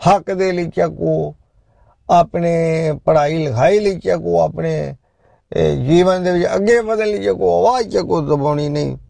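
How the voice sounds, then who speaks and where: Gravelly, mellow-voiced male show host. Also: sits high, no echo, studio quality. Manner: loud, preachy, jokey, talks directly to listeners. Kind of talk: casual live show chat with listeners.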